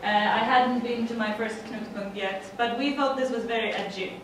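Her voice is on the high side, with fairly even intonation and a moderate pace, against a noisy background. She's a middle-aged Swedish woman presenting at a conference in English with a Swedish accent, chatty and quick to laugh, using frequent fillers. A distant room mic in a dim conference room picks up lots of echo.

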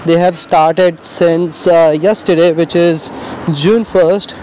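A man vlogging casually to a handheld camera, upbeat and halting, with frequent filler sounds. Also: fairly high pitch, fairly even intonation, a little mellow, a little hiss or hum. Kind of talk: casual vlog talk to camera. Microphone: handheld camera mic.

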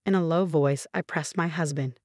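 A woman narrating a scripted first-person revenge story in an even, measured reading voice. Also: sits low, no room sound, clean studio sound.

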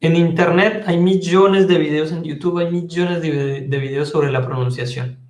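A man teaching a French class online, spelling out letters slowly and patiently and repeating each one. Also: fairly high pitch, steady tone, darkish tone, echoey room. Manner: slow, patient spelling and repetition.

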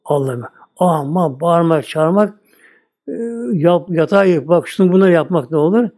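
A man's voice: on the high side, moderate pace, a little mellow. An older man giving a plain, conversational religious sermon, repeating his words often. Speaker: Islamic preacher.

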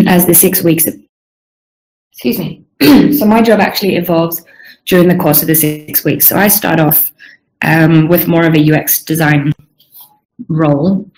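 A young woman from Sweden, a UI designer answering questions on a video call, chatty and rambling, often clearing her throat. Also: lowish voice, darkish tone, poor audio. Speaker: guest UI designer. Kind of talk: casual online Q&A.

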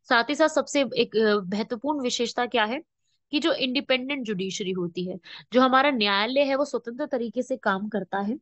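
In this exam-prep lecture on current affairs, a woman's slightly high voice walks students through the material step by step, often posing rhetorical questions and checking in. There's no room sound, and the audio is dull and dry lo-fi.

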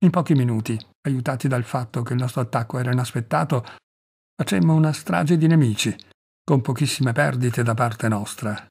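Husky Italian man reading a story. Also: medium pitch, moderate pace, darkish tone. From Italy. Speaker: reader, narrator. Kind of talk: scripted audiobook narration.

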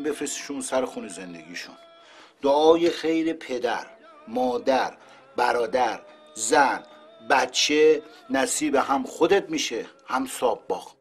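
A smooth-talking middle-aged man, persuasive and explaining his plan. A man acts him out in a fairly high voice, with faint music behind him. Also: lightly acted.

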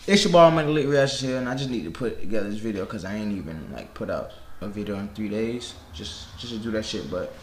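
A man's voice: on the low side, animated, fast, hardly any pauses, crowd noise. Man in an echoey room, talking loose and slangy. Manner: loose and slangy, full of fillers and restarts. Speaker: reaction video host. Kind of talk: casual reaction commentary. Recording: echoey room, faint music behind.

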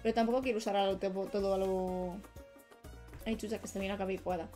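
With faint music in the background, a young illustrator streams herself drawing and chats in a mid-range, dark, steady voice. She talks fairly quickly, drifting off mid-thought as she focuses on her work.

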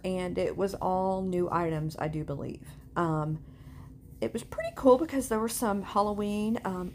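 A woman with a fairly low, darkish voice narrates a casual, chatty shopping vlog in an informal way. She's a vlogger and antiques reseller, and background noise is clearly audible.

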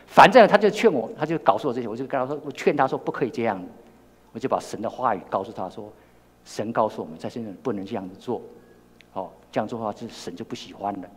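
A man's voice: mid-range voice, lively intonation, fast, breathy edge. An older man with a Taiwanese Mandarin accent preaching a sermon, telling a personal story with many repeated words and restarts. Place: church hall. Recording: long reverb in a church hall.

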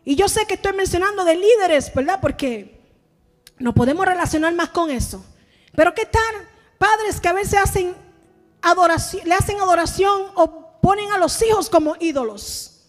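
High-voiced woman pastor preaching. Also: normal speed, long reverb tail. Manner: animated, acts out church members' voices. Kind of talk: sermon.

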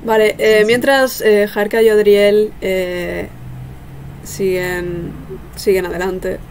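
Young female game master, mid-pitched, improvising narration haltingly on a slightly noisy video call. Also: little pitch movement, a little mellow. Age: young adult. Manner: halting, thinking aloud. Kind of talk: casual improvised tabletop narration. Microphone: webcam video call.

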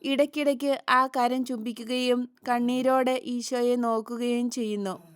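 A woman narrating a religious story in a measured, reverent way. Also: a little high, little pitch movement, clear, resonant tone, dry recording. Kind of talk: scripted audiobook narration.

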